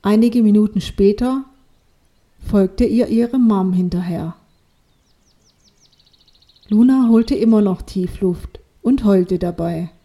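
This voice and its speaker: Slow, mellow woman storyteller. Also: mid-range voice. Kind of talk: children's story narration.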